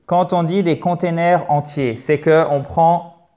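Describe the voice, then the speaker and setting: A French man teaching English pronunciation on camera in a lively, emphatic way, drilling words by repeating them. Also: on the high side, unhurried. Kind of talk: video lesson. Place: indoor filming set with a spotlight. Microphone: camera mic, moves around in frame.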